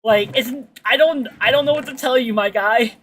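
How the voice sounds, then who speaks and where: At a moderate pace, a woman streaming a game chats casually and rambles through stories, full of slang and swearing, animatedly acting out people's lines. Her voice is fairly deep for a woman, and there's a little hiss or hum.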